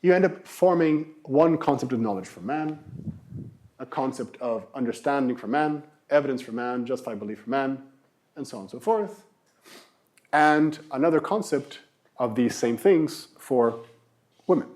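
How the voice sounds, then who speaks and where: Man lecturing with a mellow voice. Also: mid-range voice, expressive, normal speed. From Brazil. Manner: explanatory, rhetorical questions, emphatic repetition. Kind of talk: university lecture.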